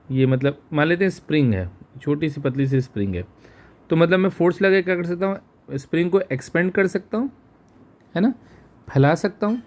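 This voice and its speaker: A male teacher giving an exam-prep physics lesson, explaining slowly and asking questions that he then answers himself, with English terms mixed into Hindi. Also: medium pitch, a little mellow.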